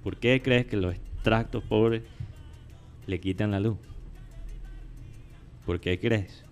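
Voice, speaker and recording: A man with English as his first language hosts a casual, opinionated chat. His voice is a little low, and he often stops to search for words or repeat a phrase. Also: slow pace, faint music behind. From United States. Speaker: show host.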